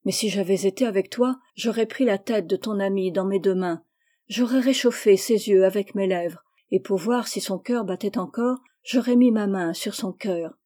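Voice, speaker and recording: A woman's voice: medium pitch, normal speed, dark tone, lightly acted. A woman reading the part of a naive, impulsive young Native girl, speaking in an eager, childlike way. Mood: artless.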